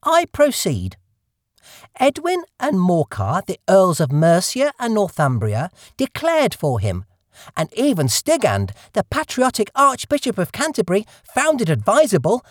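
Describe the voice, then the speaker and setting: A woman's voice: medium pitch, wildly swooping pitch, unhurried, dry recording. A woman voicing a fussy, self-important male mouse who lectures in a pompous, dry tone. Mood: cross.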